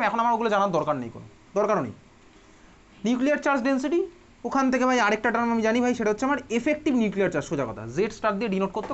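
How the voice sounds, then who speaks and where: A man teaching a chemistry class with a Bengali accent, chatty and teasing, often asking the students questions. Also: extremely high pitch. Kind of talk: classroom lecture. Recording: dull lo-fi classroom recording.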